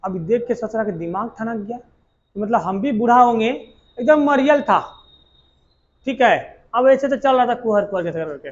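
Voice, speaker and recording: A male teacher with a very high-pitched, animated voice tells a history lesson as a story in earthy colloquial language, quizzing his students along the way. It's exam coaching delivered at a moderate pace, with lo-fi sound.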